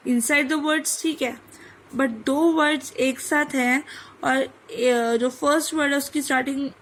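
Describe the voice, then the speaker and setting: A woman's voice: high-pitched, steady tone, takes it slowly, fairly bright tone, poor audio. A woman teaching French number pronunciation, mixing Hindi with English and sounding out each word. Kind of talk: online language lesson.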